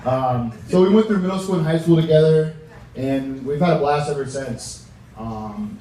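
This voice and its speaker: A young American man giving an informal wedding toast as best man, halting and joking, with slangy wording. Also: a little high, dark tone. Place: large reverberant room with a reacting crowd. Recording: echoey room, distant mic, audience noise.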